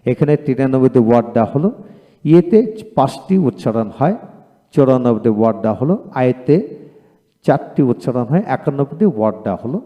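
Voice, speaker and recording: A man teaching a lesson, methodically listing item after item with counts in a steady explaining voice. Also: mid-range voice, fast talker. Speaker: English teacher. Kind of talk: instructional explanation. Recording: long hall reverb.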